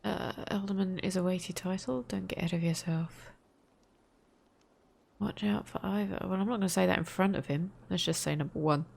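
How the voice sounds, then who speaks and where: A woman's voice: fairly low pitch, steady tone, a little fast, vocal fry. A woman hosting a let's play, talking in a chatty way with wry asides to her viewers. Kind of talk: casual game commentary. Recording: commentary over loud game noise. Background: game sounds and horses.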